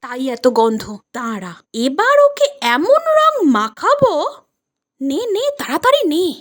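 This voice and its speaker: A man's voice: very high voice, huge pitch swings, a little slow, fairly bright tone, full character voice. A man voicing a bossy, mischievous young gang leader in a cartoon, with exaggerated, commanding delivery. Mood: scheming, bossy. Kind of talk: cartoon dialogue.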